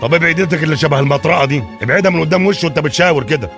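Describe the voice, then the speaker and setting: An actor playing a mocking, teasing police detective in a comic radio drama, with an Egyptian Arabic accent. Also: male voice, fairly high pitch, very fast, fairly bright tone, soft background music. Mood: sarcastic. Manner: mocking, sarcastic banter. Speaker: police officer.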